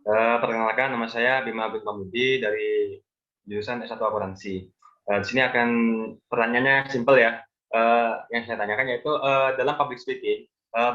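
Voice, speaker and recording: A young man, a student, asking a question politely and a bit hesitantly over a video call. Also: medium pitch. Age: young adult. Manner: polite, formal, hesitant with fillers. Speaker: student participant. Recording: dull lo-fi audio.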